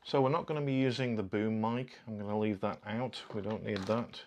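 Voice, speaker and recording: A product review host with a lowish, fairly even voice talks briskly over some background noise. He does a casual unboxing and fitting demo, walking through each step informally as he shows the product.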